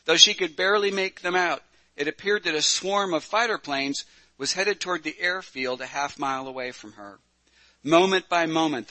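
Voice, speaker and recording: A man's voice: medium pitch, pushed and bright, low-quality recording. A male preacher who reads a story aloud and then preaches in a plain-spoken way, with self-deprecating asides and hesitant fillers. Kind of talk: sermon with story reading.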